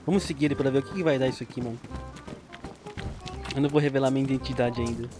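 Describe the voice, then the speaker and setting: A man's voice: mid-range voice, steady tone, very fast, music in the background. A young man with a Brazilian Portuguese accent giving casual, slangy gameplay commentary and laughing often. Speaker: gameplay streamer.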